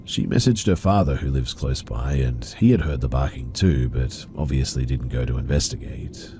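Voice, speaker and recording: A man narrating reader-submitted horror stories in a steady, even storytelling delivery. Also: extremely low pitch, normal speed, background noise.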